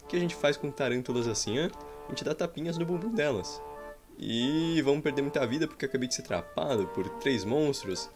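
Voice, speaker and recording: A young man streaming gameplay from home speaks with a Brazilian Portuguese accent, medium pitch, and a slightly fast pace. His commentary is playful and meandering, with roleplay jokes and sudden shouts of excitement over faint game music.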